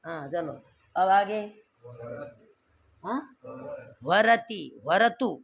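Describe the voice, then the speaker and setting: A man's voice: high voice, expressive, drawn-out words, vocal fry, a bit bright, slight background noise. A man teaching Sanskrit grammar to a class, repeating verb forms and quizzing students with questions.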